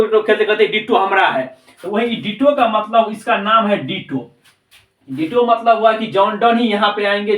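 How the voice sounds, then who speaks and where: A man teaching an English class, spelling out English book titles slowly and repeating each question until the answer sticks. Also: high-pitched, fairly bright tone, reverberant, far from the mic, poor audio. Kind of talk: classroom lecture.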